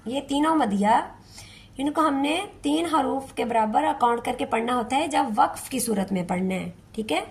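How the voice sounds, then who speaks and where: In a high voice with vocal fry, a woman walks learners through Quran recitation slowly, step by step. She is patient, repeating words at a slow pace and chanting the verses in a drawn-out style during this tajweed lesson.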